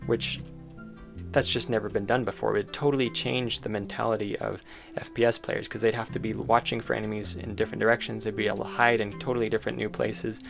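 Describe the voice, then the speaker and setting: With music playing behind him, a game developer shows off his own project in an informal, enthusiastic demo, thinking aloud. He talks fast in a fairly low, fairly bright voice with vocal fry and a level tone.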